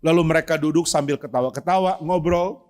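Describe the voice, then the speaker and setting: A male pastor preaching a sermon in a church, telling stories with humorous asides and acting out the voices he quotes. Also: brisk. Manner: lively storytelling with humorous asides; acts out quoted voices with sudden pitch jumps. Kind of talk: expository sermon. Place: church sanctuary.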